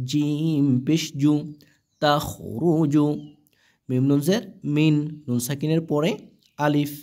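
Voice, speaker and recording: Teaching Quran recitation letter by letter at a slow pace, a Bangladeshi Bengali-accented man sounds out every syllable and then stretches the combined word. His voice is a little high, with a darkish tone.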